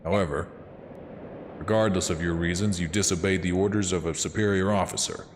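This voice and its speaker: A man doing a deep stern old mercenary commander. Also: steady tone, long reverb tail, a little hiss or hum, natural voice. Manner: grave, measured orders. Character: stern older male mercenary commander, father.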